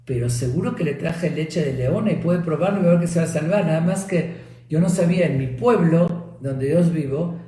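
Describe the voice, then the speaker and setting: A man's voice: on the high side, moderate pace, dark tone, voice pushed up, natural voice. Man as a humble commoner, pleading, explaining, echoey room. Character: humble brave man pleading before a king.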